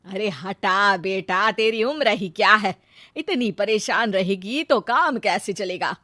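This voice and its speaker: Woman playing protective middle-aged story mother, mid-pitched, emphatic, very dry recording. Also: slow pace, pushed and bright, no room sound. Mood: coaxing.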